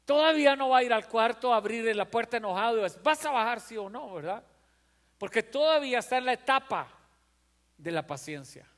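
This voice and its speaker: This man's voice is very high-pitched and fairly bright, with lively intonation and a brisk pace. Preaching as a pastor, he is fervent, repeats phrases for emphasis and voices the characters in his stories, all under a long hall reverb.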